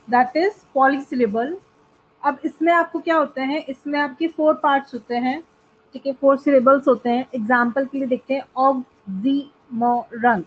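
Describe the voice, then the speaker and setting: A woman teaching an English class online, switching between Hindi and English and drawing out each example word slowly. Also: high-pitched, slight background noise. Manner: mixes Hindi and English, slow drawn-out model words. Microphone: video call. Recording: tinny call audio.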